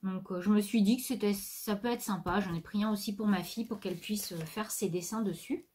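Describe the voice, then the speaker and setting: A woman from France chatting casually to her viewers about new craft supplies, relaxed and full of little fillers. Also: medium pitch, a little fast, husky. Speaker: crafting vlogger. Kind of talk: casual haul chat.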